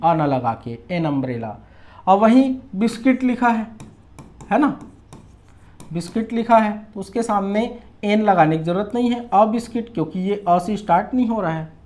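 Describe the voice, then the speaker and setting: A woman teacher walks through a grammar lesson at an even, ordinary pitch. She explains step by step, often putting a question and then giving the answer herself. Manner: explains patiently, asks and answers her own questions.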